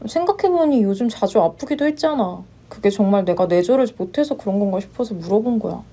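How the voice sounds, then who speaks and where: A woman voicing a polite, long-suffering young wife who speaks in a measured way and turns firm under pressure. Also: mid-range voice, lively intonation, dark tone. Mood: worried. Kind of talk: story narration with voiced roles.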